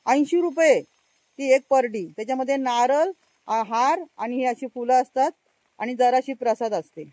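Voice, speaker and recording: High-voiced chatty woman from Konkan. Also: normal speed, mellow, no room sound, poor audio. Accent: Konkan Marathi. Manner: chatty, keeps urging viewers to look. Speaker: vlogger. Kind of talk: casual walk-and-show garden vlog. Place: outdoors in a village garden.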